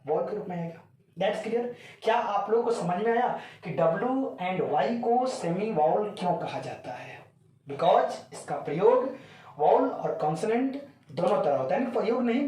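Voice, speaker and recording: A male teacher, giving a classroom grammar lesson that slowly repeats each point and keeps asking if it is clear. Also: high voice, darkish tone. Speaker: English teacher. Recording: echoey room, voice from far off.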